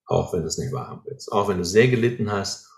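A man's voice: lowish voice, big pitch swings, fast talker. A man explaining ideas in an earnest way, often checking in with short tags like "right?", in a conversation. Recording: roomy echo.

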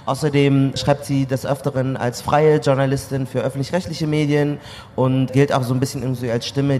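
A man from Germany, a podcast co-host and music journalist, moderating a live panel before an audience in a relaxed way. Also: medium pitch. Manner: relaxed, with filler "äh". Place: event venue before an audience. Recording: roomy hall with faint ambient noise.

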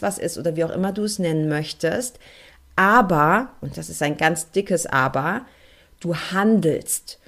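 A young adult woman hosting a solo spiritual podcast, talking earnestly and emphatically straight to her listeners as a coach. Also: on the low side. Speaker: podcast host and card-reading coach.

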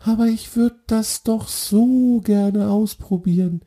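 A man voicing a dreamy, gentle young male deer in a children's story, in a high, soft and wistful voice. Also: fairly even intonation, slow pace, breathy edge, exaggerated voice.

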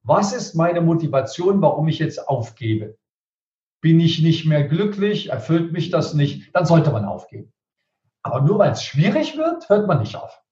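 A man's voice: on the high side, big pitch swings, measured pace, mellow. A man who works as a speaker and rhetoric coach, giving emphatic advice in an interview and hammering his points home through repetition. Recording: roomy, distant, dull sound.

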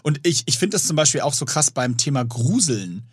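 A man in his thirties tells stories to his podcast co-host and acts out the scenes as he goes. His voice is a little husky and sits fairly high for a man. The recording is close and dry, with no room sound. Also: a little fast, dry recording. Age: 30s. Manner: animated storytelling, acts out scenes in raised voices. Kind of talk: casual chat.

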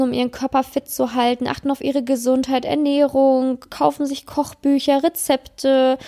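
Woman, self-help coach, high voice with vocal fry and a mellow tone, talks straight to listener. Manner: addresses listener directly, tag questions, acts out inner voices. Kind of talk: motivational self-help talk.

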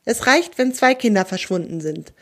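A woman's voice: fairly high pitch, lively intonation, moderate pace. A woman voicing an anxious father in a children's storybook, urgent and worried. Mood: grateful. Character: panicked adult father searching for his child.

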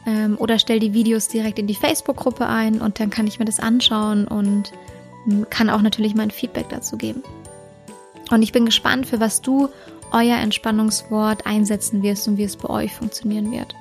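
A woman hosting a dog-training podcast, explaining calmly with many fillers and self-corrections. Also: mid-range voice, moderate pace, faint music behind. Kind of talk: casual instructional podcast talk.

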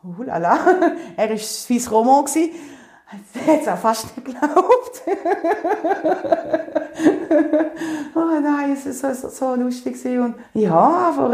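A woman with a Swiss German accent tells a story from her own life in a casual, animated way. Her voice sits a little high but sounds mellow and soft. She laughs often, and the recording rings in an echoey room.

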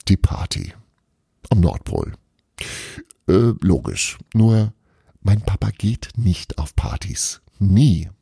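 A stubborn boy from a storybook who waves off everything he hears, as a male narrator puts him on. Grumpy and dismissive, with a husky, gravelly voice. Dry close sound. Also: sits low, big pitch swings, slow, pauses often, dark tone, no room sound, heavily acted. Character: sceptical, stubborn young boy. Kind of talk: storybook reading.

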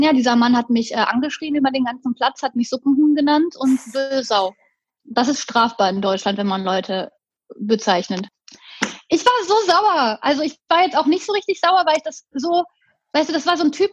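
High-voiced woman telling a story. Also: a little fast, lo-fi sound. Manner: animated retelling, acting out a quarrel. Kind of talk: casual chat, storytelling.

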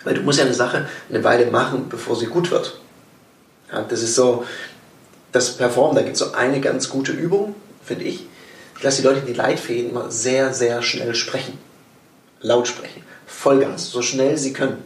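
A man's voice: mid-range voice, moderate pace. Guy chatting about sales training, acts stuff out, kinda far from the mic, echoey room. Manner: lively, explains with acted-out examples. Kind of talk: casual podcast conversation.

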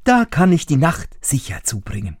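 A thumb-sized trickster boy with a high, piping, cheeky voice. The voice leaps about in pitch with lots of life. It sounds dry and close. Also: huge pitch swings, normal speed, breathy edge, dry recording. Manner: high, piping and shrill when shouting. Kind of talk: storybook reading.

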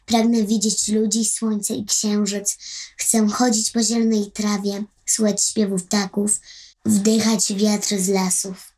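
A woman reading a storybook voices a sorrowful young captive girl who pleads in a high, plaintive voice. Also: level tone, slow pace, a little mellow, lightly acted. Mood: pleading. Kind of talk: storybook narration.

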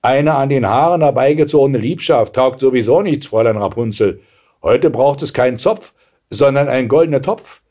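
A man's voice: medium pitch, moderate pace, mellow, voice pushed up, lightly acted. A man as a metallic-voiced sinister masseur. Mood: mocking. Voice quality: metallic-sounding. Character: sinister male masseur, cool and rhyming.

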